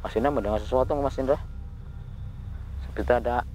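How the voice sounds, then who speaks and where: A man hosting a ghost-hunting video, talking in a hushed voice outdoors at night, often murmuring prayers and speaking to his companion. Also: medium pitch, steady tone, fast talker, noisy background. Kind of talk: hushed on-the-spot narration. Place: outdoors at night near a ravine.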